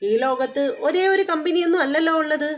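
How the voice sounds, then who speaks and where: A middle-aged mother who nags her idle grown son in an incredulous, scolding tone, as a woman puts her on. The voice is high and pressing. It is told as a spoken serial recap. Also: quick pace, natural voice.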